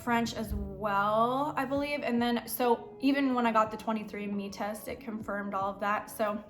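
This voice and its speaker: A woman's voice: fairly high pitch, fairly even intonation, moderate pace, soft background music. A young American woman, a worship pastor and singer, answering questions in a casual vlog with a rambling, chatty manner full of "like" and "um.". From United States.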